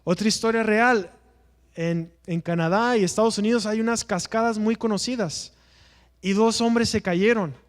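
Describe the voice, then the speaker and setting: A man's voice: sits high, moderate pace, in a large hall. A man teaching an evangelism class in a church, earnest and preacher-like, asking rhetorical questions and answering them himself.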